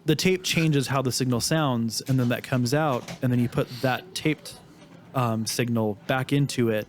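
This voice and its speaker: A man's voice: mid-range voice, normal speed, slight background noise. A man co-hosting a podcast, explaining studio history with many restarts and fillers. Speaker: podcast co-host. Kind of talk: casual chat.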